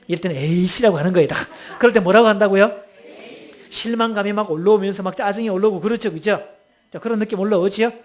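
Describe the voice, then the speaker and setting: A man preaching in a humorous, interactive way, playfully quizzing his listeners with questions. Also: high-pitched.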